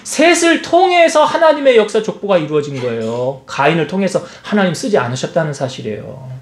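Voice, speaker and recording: A male pastor preaches with a high, lively voice that swoops up and down as he fires rhetorical questions at the congregation. His voice rings out in an echoey church hall. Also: brisk, a little hiss or hum. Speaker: senior pastor. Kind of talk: sermon.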